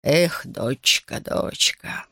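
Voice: bright, forceful tone, no echo, studio quality. A reader doing a tearful old village elder. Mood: pleading, lamenting. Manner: slow, pleading, whining.

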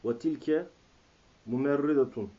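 A man reading aloud and translating haltingly, word by word, as a language student, recorded on an old worn cassette. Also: medium pitch, warm tone. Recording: muffled old cassette tape.

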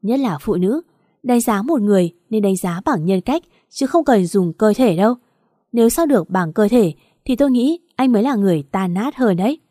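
A woman's voice: mid-range voice, animated, normal speed, mellow, dry recording, clean studio sound, close to an everyday voice. A woman voicing a composed young man who speaks steadily and firmly. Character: calm, firm young man, protective lover.

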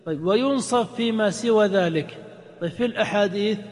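A man, a sheikh, teaching a grammar lesson to students, reciting examples in a drawn-out sing-song and quizzing the class. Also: high voice. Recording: long-reverb lecture hall.

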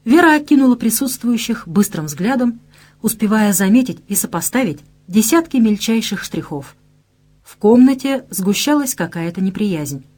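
Woman, audiobook narrator, detective story, expressive, animated pitch. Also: moderate pace, faint music behind. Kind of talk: scripted narration.

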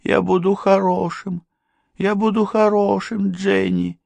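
A man's voice: a little high, fairly even intonation, unhurried, gravelly, a little mellow, no room sound, voice pushed up. A terrified, childlike mad young man. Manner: pleading, whimpering, childlike.

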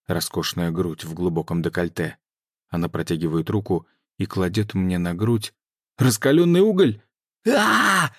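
A man reads an audiobook in a very deep, low voice, even and measured. The sound is dry and close to the mic. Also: dry recording. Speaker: audiobook narrator. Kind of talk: scripted narration.

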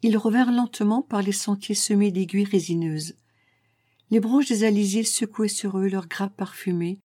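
Female audiobook reader, calm and measured, warm dark tone, dry close recording. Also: medium pitch, no room sound. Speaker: narrator. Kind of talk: audiobook reading of a classic story.

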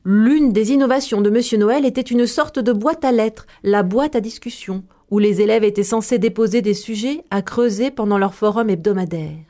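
A woman storyteller narrating a tale in a measured, expressive way. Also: mid-range voice.

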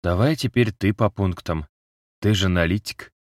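A man's voice: low voice, normal speed, no room sound, clean studio sound, natural voice. A man reading an audiobook, voicing a mocking, unrepentant wounded male captive whose broken jaw is wired shut, with a lazy, sneering manner. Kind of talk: audiobook character voice.

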